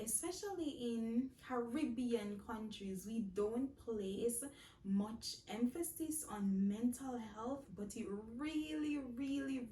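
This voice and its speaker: Slow, heartfelt Jamaican woman vlogger. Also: a little high, mellow, reverberant, distant mic, a little hiss or hum. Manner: slow, heartfelt, repeats phrases, laughs often. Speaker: vlogger answering viewer questions. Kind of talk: casual Q&A vlog.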